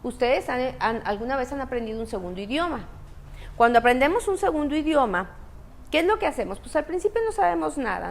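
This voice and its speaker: Woman, high voice, gravelly fry, parenting talk, asks and answers her own questions. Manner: asks the audience questions and answers them herself. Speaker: parenting speaker. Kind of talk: talk to an audience.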